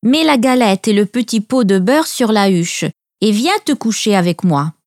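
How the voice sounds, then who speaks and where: A woman's voice: mid-range voice, animated, moderate pace, a little mellow, no echo, studio quality, lightly acted. A woman voicing a cunning male wolf in a storybook reading, speaking in a sly, coaxing way.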